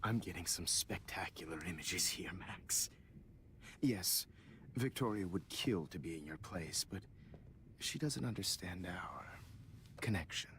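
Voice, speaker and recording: An actor playing a middle-aged photography teacher turned killer in a video game, giving a slow, condescending villain monologue with breathy, hushed phrase endings. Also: male voice, low voice, animated, slight background noise. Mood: gloating. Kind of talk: dramatic video game voice acting.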